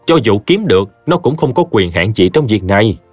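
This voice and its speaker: A man voicing a scheming, shrill middle-aged stepmother who wheedles and snaps. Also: sing-song, fairly quick, darkish tone, no echo, faint music behind. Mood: defiant.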